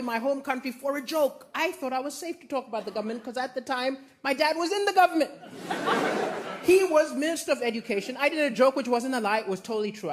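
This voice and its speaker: High-voiced man doing stand-up. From Malawi. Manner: punchy, animated storytelling delivery. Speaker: stand-up comedian. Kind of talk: stand-up comedy set. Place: comedy club with live audience. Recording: noisy live club recording, crowd laughter. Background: audience laughter.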